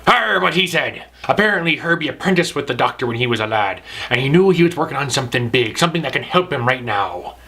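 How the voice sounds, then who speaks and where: A man playing a blustering pirate who talks in gruff pirate slang and bosses people around. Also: mid-range voice, big pitch swings, fast, few pauses, pushed and bright. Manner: growling pirate talk, bossy and pushy. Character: blustering pirate named Cowhead, adult man. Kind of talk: comedic sketch within a review show.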